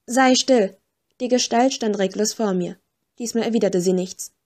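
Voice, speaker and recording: A woman reading a first-person story aloud with steady, expressive storytelling. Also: medium pitch, moderate pace. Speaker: audiobook narrator. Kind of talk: scripted first-person narration.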